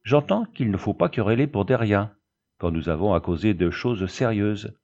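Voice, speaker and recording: Brief: male reader as a sardonic lieutenant; calm, curt storybook delivery, low and dull-sounding. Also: moderate pace. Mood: cool. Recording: dull lo-fi recording.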